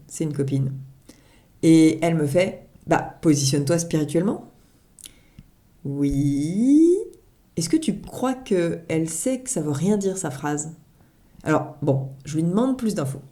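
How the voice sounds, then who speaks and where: A woman's voice: on the low side, dark tone. A woman reading her own blog article aloud as humorous personal narration, with wry, self-mocking asides.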